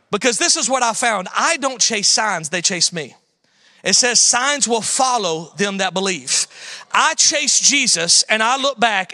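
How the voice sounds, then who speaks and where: A man preaching a sermon as a guest pastor, telling stories with folksy phrasing and swinging from loud exhortation to hushed asides. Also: high voice, no room sound.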